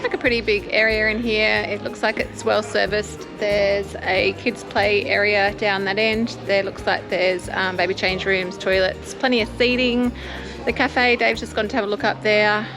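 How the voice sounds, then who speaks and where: A woman's voice: medium pitch, steady tone, normal speed, music in the background. An Australian woman chatting informally as she narrates a travel vlog. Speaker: travel vlogger. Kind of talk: casual vlog chat.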